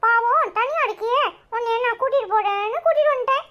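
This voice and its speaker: A woman's voice: very high voice, dull audio. A woman voicing a small, talkative, cheeky boy in a cartoon, speaking Tirunelveli Tamil in a piping voice. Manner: cheeky, quick-witted, talks in a piping voice. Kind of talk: cartoon voice acting.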